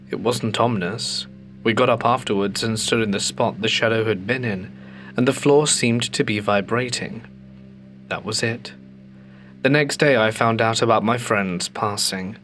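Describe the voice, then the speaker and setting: Reading stories sent in by viewers, this ghost story channel host keeps a calm, measured tone and lets dramatic pauses stretch out. He speaks at a medium pitch.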